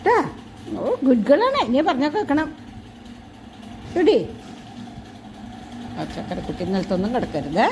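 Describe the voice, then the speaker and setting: A woman coaxing and gently scolding her pet in an affectionate, sing-song voice. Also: sits high, wildly swooping pitch, measured pace, pauses often, slight background noise, low-quality recording. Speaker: pet owner filming her pet. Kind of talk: cooing talk to a pet.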